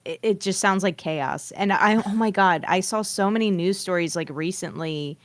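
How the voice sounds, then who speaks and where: A woman's voice: lowish voice, moderate pace, dry recording. A woman chatting casually as a guest on a stream, with an informal, rambling way of telling things. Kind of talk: casual chat.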